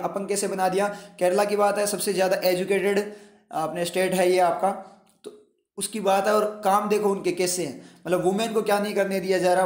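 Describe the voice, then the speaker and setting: A man with a high voice leads an English exam lesson in Hindi mixed with English. He works through each option step by step and keeps asking his students rhetorical questions. The sound has the hollow echo of a bare room. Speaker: English teacher.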